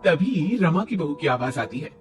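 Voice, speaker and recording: A man's voice: on the high side, sing-song, normal speed. Man narrating a cartoon story. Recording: distant mic, faint music.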